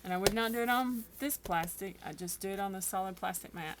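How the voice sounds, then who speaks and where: A woman's voice: medium pitch, quick pace, background noise. A tired woman chatting casually through a craft tutorial, rambling and poking fun at herself. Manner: chatty, self-deprecating, rambling. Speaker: craft vlogger.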